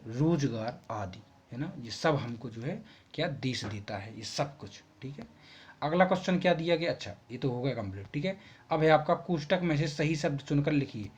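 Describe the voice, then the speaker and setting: A man teaching schoolchildren, patiently working through textbook answers and checking in with them often. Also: a little high. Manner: patient, repeats phrases and checks with "ठीक है". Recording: muffled, slightly husky lo-fi recording.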